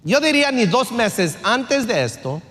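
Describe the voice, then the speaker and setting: Texan male pastor, high voice, chatty jokey sermon with English asides, church echo. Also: sing-song, a little slow, a bit bright. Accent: Texas Spanish. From Texas. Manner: casual, joking, slips into English phrases; reads scripture aloud, then explains it. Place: church sanctuary. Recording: long reverb of a church hall.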